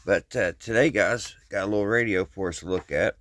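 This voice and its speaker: In clean studio sound with no echo, a Kentucky hobby repair channel host speaks briskly in a lowish, fairly bright voice. His Kentucky Southern accent carries a folksy, plain, rambling chat to viewers while his hands stay busy.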